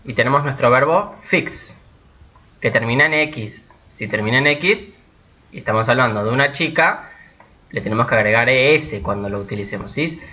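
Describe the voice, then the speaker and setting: Bright-voiced man teaching a grammar lesson. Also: medium pitch, animated. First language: Spanish. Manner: explains step by step, checks in with "¿sí?" and "¿ok?"; slows down and stresses English example sentences. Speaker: English teacher. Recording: dull lo-fi recording.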